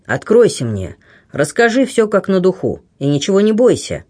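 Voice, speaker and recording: A man's voice: high-pitched, sing-song, moderate pace, warm tone. A man reading the part of a blunt, kindly aging buccaneer who grumbles and teases. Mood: gruff warmth. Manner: grumbling, teasing, plain-spoken.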